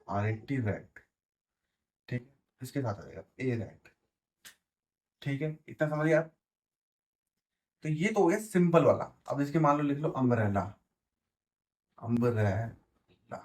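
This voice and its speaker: A man's voice: mid-range voice, a little mellow. A man with a Hindi accent teaching English grammar, repeating words and checking that his students follow. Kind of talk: explaining grammar at a board.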